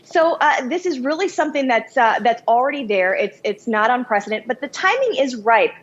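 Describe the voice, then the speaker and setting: A woman working as a news correspondent, delivering a scripted report in a brisk, upbeat manner. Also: fairly high pitch, animated, dull audio.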